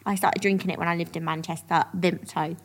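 A woman's voice: fairly low pitch, flat delivery, brisk. A woman co-hosting a podcast, bantering playfully and laughing often in casual chat. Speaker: podcast co-host.

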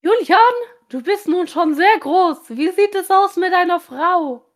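Woman reading prying aunt, provocative, spiteful, very high voice. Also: unhurried. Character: nosy, spiteful aunt, middle-aged.

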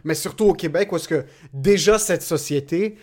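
A young man with a Québécois French accent, co-hosting a casual chat in a lively, slangy way that mixes in English. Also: on the high side, normal speed. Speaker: podcast co-host, comedian.

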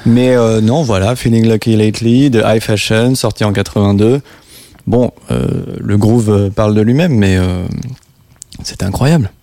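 A man's voice: fairly low pitch, normal speed, mellow. A man co-hosting a late-night music show, chatting casually with fillers and reading out a written intro with jokey asides.

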